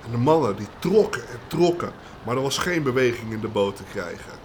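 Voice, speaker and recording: A man co-hosting a podcast, reading a folk tale aloud in a steady, matter-of-fact way with casual banter. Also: mid-range voice, fairly quick, slight background noise. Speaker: podcast co-host, storyteller.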